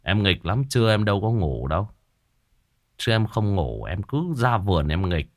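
Deep-voiced Vietnamese man chatting reflectively. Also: moderate pace, no room sound, clean studio sound. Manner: chatty, animated when reminiscing, many repetitions. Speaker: ghost story podcast host. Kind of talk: casual reflective storytelling to listeners.

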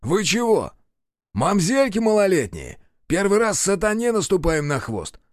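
A man doing a jeering, loud-mouthed soldier. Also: high-pitched, big pitch swings, a little slow, no echo, studio quality, voice pushed up. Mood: scornful. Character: brash mocking soldier, adult man. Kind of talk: audiobook character voice.

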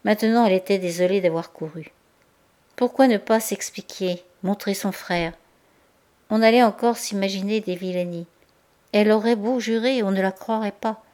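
A woman narrating a classic novel as an audiobook, her pitch in a middle range. Her reading is measured and expressive, giving the scenes steady weight. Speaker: audiobook reader. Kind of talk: classic novel read aloud.

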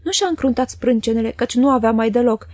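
A woman narrating a classic novel as an audiobook reader, in a calm, measured reading. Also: on the high side, dry recording, studio quality.

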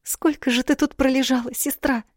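A delicate young princess with a high, eager voice that spills over in breathless, fretful chatter, as an audiobook reader puts her on. She sounds sweet and easily upset, her words tumbling out quickly. The take is close and dry, with no room around it. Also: steady tone, darkish tone, dry recording. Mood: distressed. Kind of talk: audiobook character voice.

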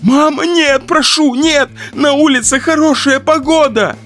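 A woman's voice: high-pitched, a little slow, fairly bright tone, soft background music, voice pushed up. A man reading an audiobook voices a terrified teenage daughter, crying and pleading for her life.

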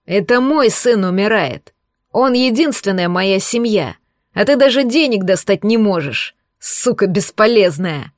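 A woman voicing a drunk, crude husband who slurs, shouts and sneers in an audiobook reading. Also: medium pitch, expressive, moderate pace, no room sound, studio quality, lightly acted. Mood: drunk, abusive. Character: drunk crude bullying husband, adult man.

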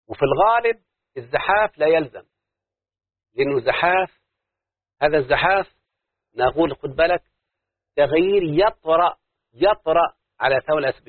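A male teacher of Arabic prosody with an Egyptian Arabic accent gives a classroom lesson, repeatedly quizzing students on whether they follow. His voice is on the high side with a breathy edge and no echo, in a dry, narrow, phone-like lo-fi recording.

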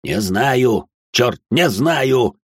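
A man voicing a gruff, tough father. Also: deep voice, expressive, normal speed, a little mellow, no room sound, clean studio sound, exaggerated voice.

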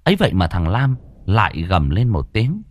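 Nam kể truyện ma, giọng trầm, lên xuống sinh động. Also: male voice, low-pitched, moderate pace. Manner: dramatic, lively storytelling. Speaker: storyteller. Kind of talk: scripted horror narration.

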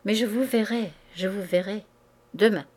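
A woman with a medium-pitched, darkish voice reads aloud at a moderate pace, lightly acting the part of an ardent young man. In that role, she pleads urgently and insistently with a married woman to see him.

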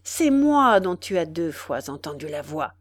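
A woman's voice: sits low, big pitch swings, unhurried, pitched below the performer's own voice, full character voice. A woman voicing a small, menacing wild man who speaks in a grim, mocking, threatening way. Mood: accusing.

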